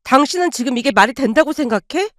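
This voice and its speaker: A woman's voice: high voice, expressive, quick pace, no echo, clean studio sound. Woman doing a bitter, curt angry mother. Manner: sharp, curt retorts. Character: bitter, angry middle-aged mother, cold.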